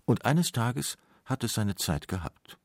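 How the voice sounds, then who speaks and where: A man reading a philosophical text in a calm, reflective manner. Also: medium pitch, unhurried, creaky, no echo, clean studio sound. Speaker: reader.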